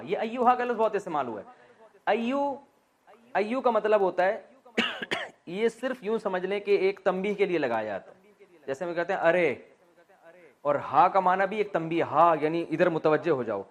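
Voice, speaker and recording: A man with a somewhat high voice gives a lesson on the Quran. He poses questions to his listeners and answers them himself. He drops in light jokes as he goes. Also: expressive, pauses often. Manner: light joking asides. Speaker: Islamic scholar teaching Quran exegesis. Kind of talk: explanatory religious lesson. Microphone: recording while writing on a board.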